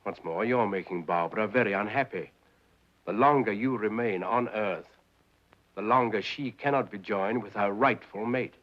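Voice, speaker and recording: An actor playing a suave, scheming devil who rules hell, speaking in grand, theatrical phrases, on an old 1940s film soundtrack. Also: male voice, fairly low pitch, normal speed, lo-fi sound, natural voice. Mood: cool.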